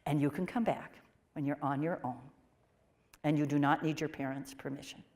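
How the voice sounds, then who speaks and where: A woman voicing a calm, firm older nun who gives counsel in a soft, steady, quiet voice. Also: deep voice, normal speed, voice pushed down. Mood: gentle firm.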